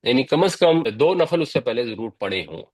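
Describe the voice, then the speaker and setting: A man's voice: mid-range voice, big pitch swings, husky. A man teaching a religious lesson, explaining things patiently and step by step. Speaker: Quran teacher.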